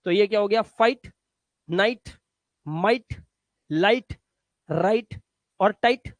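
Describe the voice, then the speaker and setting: A man teaching English rules in Hindi, drilling words slowly and pitching his course. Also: no echo. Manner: brisk, drills words in slow syllables and keeps saying "theek hai"; pushy sales talk about his course and book. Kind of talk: spoken English lesson in Hindi.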